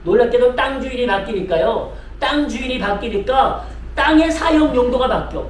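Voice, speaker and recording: A man's voice: very high voice, animated, normal speed, a little hiss or hum. A man preaching a sermon as pastor, speaking to his congregation with lots of repetition and direct appeals. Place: church sanctuary. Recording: echoey room mic from a distance.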